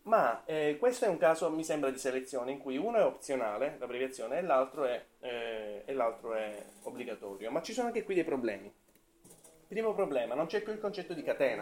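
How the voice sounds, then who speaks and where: A man's voice: fairly high pitch, a little mellow. A man from Italy giving an academic talk on linguistics to a class, thinking aloud, with fillers and self-corrections. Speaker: seminar presenter.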